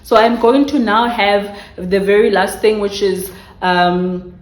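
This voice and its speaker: In poor audio with an echoey room, a woman with a South African accent slowly and steadily explains career tips to viewers at home. Her mid-range voice is chatty and direct, and she keeps restarting her phrases while recording in a room by a street.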